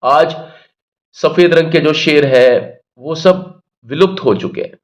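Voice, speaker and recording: Speaking slowly in a fairly high voice, a man runs a Hindi-medium English grammar class. He goes over points patiently, repeats the key terms, and supplies answers to his own questions.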